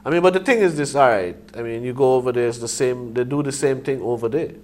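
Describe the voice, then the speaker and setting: Middle-aged male, Rasta idiom and phrasing, mid-pitched, conversational, emphatic, thinks aloud in halting bursts. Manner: Rasta speech, with "I and I" and "I man" idiom. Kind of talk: casual Rastafari reasoning discussion.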